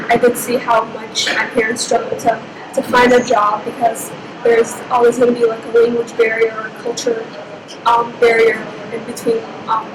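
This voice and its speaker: Give me a reflective young woman from Egypt being interviewed, her voice high and flat, over clear background noise. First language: Somali. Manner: reflective, unhurried storytelling. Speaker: interviewee, university student. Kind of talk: personal interview. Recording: echoey room with steady background noise.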